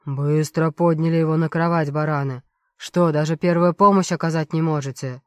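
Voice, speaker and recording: A woman voicing an angry male doctor who swears and shouts orders in an audiobook. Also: sits low, steady tone, moderate pace, no room sound, studio quality, voice pushed down, natural voice. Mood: furious.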